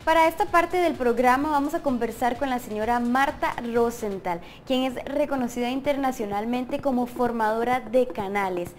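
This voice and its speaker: A woman's voice: fairly high pitch, normal speed, hardly any pauses, music in the background. A young woman presenting a TV news magazine, reading her lines politely and interviewing from a studio on a lapel mic. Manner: polite, scripted delivery.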